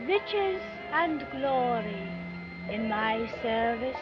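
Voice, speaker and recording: A woman's voice: fairly high pitch, lively intonation, very slow. An actress playing an imperious woman who poses as a goddess, speaking in a stately, archaic, stagey way on an early talkie film soundtrack. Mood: commanding. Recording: muffled old film sound with music.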